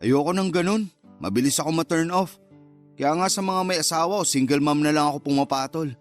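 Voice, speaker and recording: With faint music behind him, a man with a slightly high, natural-sounding voice talks briskly in a radio drama scene. His role is a hesitant, candid younger man who goes after older women, and he sounds casual and somewhat defensive.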